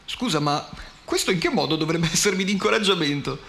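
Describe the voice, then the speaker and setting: Guy doing a pregnant young woman friend in a story, higher, chirpy, kinda gravelly. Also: expressive, brisk, slight background noise, exaggerated voice. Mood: lively. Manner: bright, raised, exclaiming.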